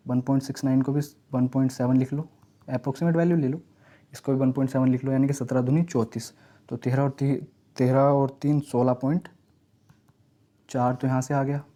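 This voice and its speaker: A man teaching exam math step by step, reading each question slowly and then explaining it. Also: mid-range voice, flat delivery, mellow. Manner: explains step by step, often asks and answers himself; reads English question text slowly, then explains it in Hindi. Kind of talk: exam-prep math lesson.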